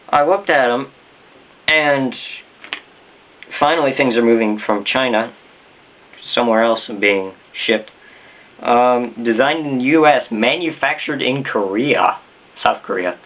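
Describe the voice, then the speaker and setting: A man with a Southern US accent rambling casually to the camera in an off-the-cuff, self-deprecating vlog. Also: mid-range voice. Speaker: video blogger. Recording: dull, muffled consumer camera sound.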